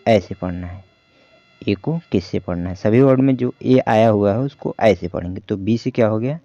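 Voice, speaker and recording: A man's voice: lowish voice, moderate pace, dark tone, no echo. A man teaching English reading in a beginner phonics lesson, patiently asking questions and answering them himself, in a dull lo-fi voice-over.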